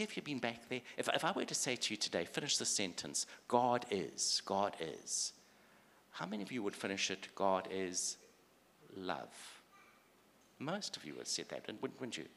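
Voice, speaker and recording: A man preaching a sermon, dropping to hushed whispers and rising to loud outbursts. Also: mid-range voice, sing-song, moderate pace, vocal fry. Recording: long hall reverb, faint noise.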